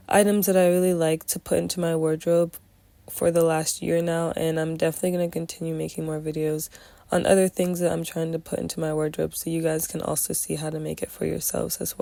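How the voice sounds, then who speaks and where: A young woman with a slightly nasal, stuffed-up voice from a cold, talking in a casual, halting, informal vlog style. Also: fairly low pitch, little pitch movement, vocal fry, mellow. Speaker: sewing vlogger.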